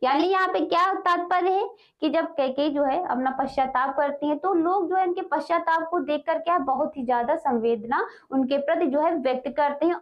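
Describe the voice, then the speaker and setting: A woman teacher explaining Hindi poetry line by line for exam students, often adding "ठीक है", and reading the verses slowly. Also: high voice, muffled recording. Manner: repeats "ठीक है" and "क्या है" as fillers, reads verses slowly.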